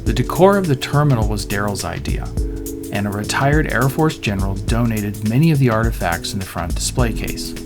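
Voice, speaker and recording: A middle-aged man's lowish, animated voice moves fairly quickly as he reads a scripted airport review, cast as a pilot. Background music accompanies the voice-over.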